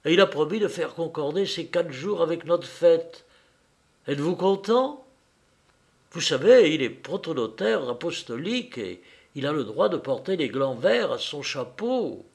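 A man voicing an excitable rich countess who gushes in loud, high exclamations. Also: a little slow. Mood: excited. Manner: gushing, exclamatory. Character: excitable rich noble countess, middle-aged woman.

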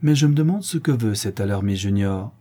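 Male reader doing a suave, teasing gentleman thief, confident, low husky voice. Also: lively intonation, fairly quick. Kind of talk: audiobook reading.

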